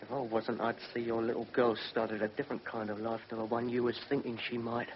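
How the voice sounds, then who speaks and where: In a radio drama, a man with a medium-pitched, natural voice plays a cocky, menacing British gangster just acquitted, delivering flat and brisk lines. He taunts in slang, swaggering with mock friendliness. The old radio recording sounds muffled and noisy.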